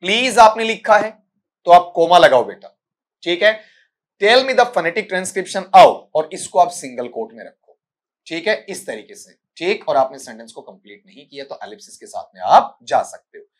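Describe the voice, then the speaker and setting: Male English tutor, Rajasthani Hindi accent, slightly higher voice, stern, drills pronunciation. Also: lively intonation. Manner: scolding, repeatedly asks "ठीक है?" and calls students "बेटा"; spells out sounds slowly and repeats words for drilling. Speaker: English teacher. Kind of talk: exam-prep lesson answering student questions.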